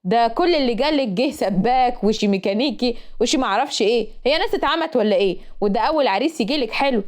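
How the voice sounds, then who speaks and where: A woman's voice: a little high, expressive, fast, natural voice. A woman voicing a stern middle-aged father with an Egyptian accent, scolding firmly. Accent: Egyptian Arabic. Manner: firm, scolding.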